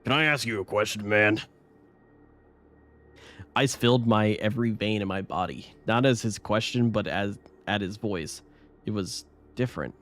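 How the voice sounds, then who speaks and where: A man reads a horror story aloud on his live stream in a low voice. He keeps a casual tone and often trips over words and restarts his lines. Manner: casual reading with frequent stumbles and restarts.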